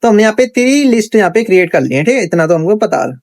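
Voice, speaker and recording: Talking through a casual coding tutorial on screen, this instructor chats freely, thinks aloud, and drops frequent "theek hai" check-ins. His voice sits high and sing-song, fast and a little mellow, with no room sound.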